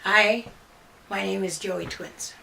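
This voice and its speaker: Female interviewee, crisp bright tone with vocal fry, a little hesitant. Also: medium pitch, fairly even intonation, takes it slowly, far from the mic. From Alberta, Canada.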